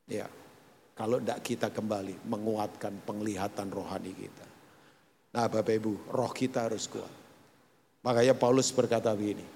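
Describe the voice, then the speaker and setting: A middle-aged pastor preaching a live church sermon, animated, swinging between loud outbursts and hushed asides while quizzing the congregation. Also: male voice, fairly low pitch, normal speed, creaky. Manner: asks the congregation questions and quizzes them. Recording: reverberant church hall, faint room noise.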